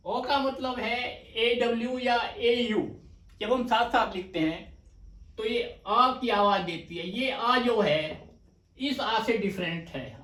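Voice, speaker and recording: A man teaching a stenography lesson, explaining patiently and slowly with repeated examples. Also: high voice, a bit bright, far from the mic. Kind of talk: slow explanatory lecture. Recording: echoey room, voice off-mic.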